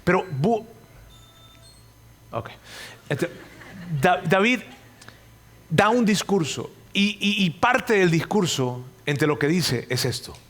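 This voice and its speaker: A man preaching a sermon, earnest and pleading, repeating his phrases and telling the story with sudden loud and quiet turns. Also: sits high, animated, slow, pauses often.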